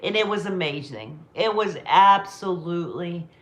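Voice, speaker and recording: A woman's voice: on the low side, animated, normal speed, roomy sound. A tipsy woman co-hosting a casual late-night faith chat, teasing and laughing often. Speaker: podcast co-host.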